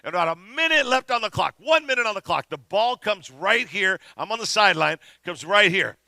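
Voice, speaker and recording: Middle-aged male pastor, storytelling sermon; high, gravelly, very bright voice, dry close sound. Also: a little fast, no room sound. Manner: animated storyteller, shouts at climaxes.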